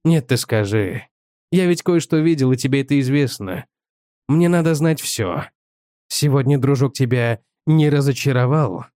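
A man's voice: medium pitch, normal speed, darkish tone, no echo, clean studio sound, natural voice. A man voicing a jealous, bitter husband who accuses his wife with sarcasm, in an audiobook reading.

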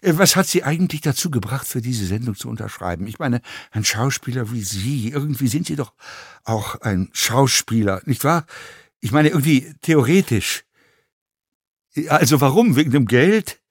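A man reading an audiobook, voicing a pushy, mocking male fellow passenger who needles without pause. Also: medium pitch, lively intonation, husky, dry recording, studio quality. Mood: needling. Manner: needling, sneering, chatty.

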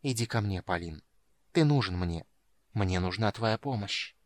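A man reading an audiobook, voicing a ghostly guardian spirit who speaks in a hushed, low, slow way. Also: animated, dry recording.

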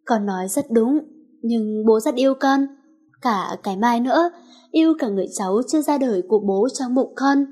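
A remorseful older father speaks softly and tenderly to his daughter in a storybook reading, as a woman narrator reads his lines. The voice stays fairly high, close to the reader's own. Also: moderate pace, slightly rough. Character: dying father, older man, gentle and remorseful.

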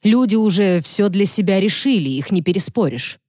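A woman reading the lines of a serious male defense lawyer in an audiobook, firm and measured. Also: medium pitch, expressive, a little mellow, dry recording, studio quality, voice pushed up, close to an everyday voice. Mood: grave.

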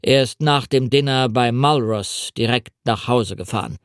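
A man's voice: mid-range voice, moderate pace, clean tone, no room sound, studio quality, close to an everyday voice. A man reading the part of a stiff, reserved senior official.

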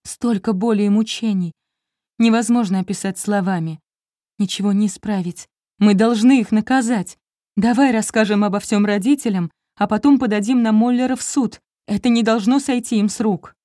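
A woman's voice: medium pitch, steady tone, normal speed, warm tone, no room sound, clean studio sound, voice pushed up, lightly acted. A woman reading an audiobook, voicing an anxious, tearful young wife in an emotional, pleading tone. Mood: distraught.

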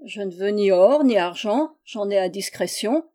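A woman's voice: mid-range voice, lively intonation, measured pace, dark tone, natural voice. A woman reading a storybook, voicing a confident, charming young male gardener. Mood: assured.

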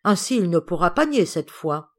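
Audiobook lady cousin, prim and indignant, read by a woman, low-pitched. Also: very animated, normal speed. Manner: indignant, accusing, precise. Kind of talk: audiobook character reading.

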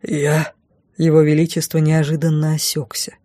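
Dark-voiced woman reading a fantasy audiobook. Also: lowish voice, moderate pace, no echo, clean studio sound. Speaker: audiobook narrator. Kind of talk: first-person fantasy audiobook narration.

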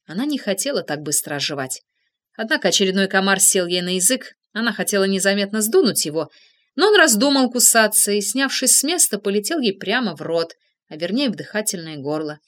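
A woman narrating a story aloud in an expressive, lively reading. Her delivery follows the comic action with energy. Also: medium pitch, a little fast. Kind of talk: audiobook narration.

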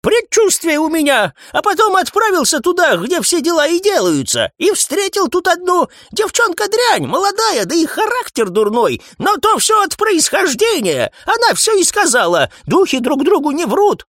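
A squeaky, gravelly old house spirit, panicky and pleading, wildly swooping voice, dry close sound. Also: male voice, wildly swooping pitch, moderate pace, few pauses, a bit bright, no room sound, exaggerated voice. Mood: rambling. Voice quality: shrill old man's voice. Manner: frantic, pleading. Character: frantic old male bathhouse spirit.

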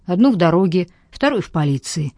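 A drowsy, mumbling young man spinning lazy lies over the phone, as a woman reader puts him on. His voice sits low and dark for her, close and dry with no room sound. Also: very animated, brisk, no echo. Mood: sleepy lying. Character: tired hungover young man, evasive liar.

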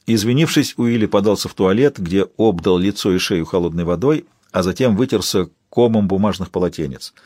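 A man narrating an audiobook in a steady, wry storytelling manner. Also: sits low, brisk, few pauses, no echo, clean studio sound.

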